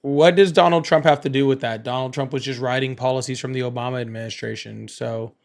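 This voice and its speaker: A man's voice: medium pitch, steady tone, quick pace, gravelly. A man hosting a live call-in stream, talking casually and challenging callers on their exact wording. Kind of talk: casual live political debate.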